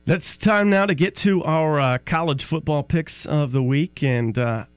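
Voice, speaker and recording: A man co-hosting a local sports talk show, running through scores and picks in a relaxed way. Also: a little high, clean tone, no echo. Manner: reads scores briskly, relaxed chat.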